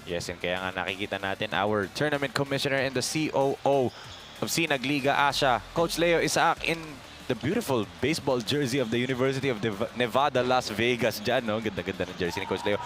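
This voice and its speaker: A man's voice: medium pitch, fast, a bit bright, faint music behind. A man with a Filipino accent giving live basketball commentary in a conversational, explanatory way, repeating for emphasis. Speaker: sports commentator.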